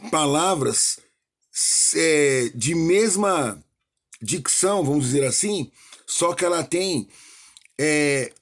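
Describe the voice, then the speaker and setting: Male teacher, slightly high voice, explanatory recorded-lesson delivery. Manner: explanatory, checks in with "ok?".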